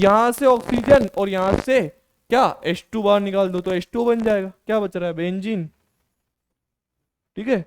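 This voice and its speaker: A man's voice: high-pitched, a little mellow, clean tone. A male chemistry teacher lecturing in a casual, encouraging classroom style. He keeps asking students questions and answering them himself, often calling them "beta".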